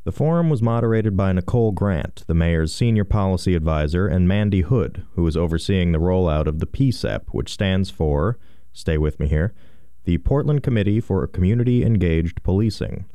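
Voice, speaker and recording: Male radio reporter, deep and smooth, scripted narration, dry close recording. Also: dark tone, dry recording.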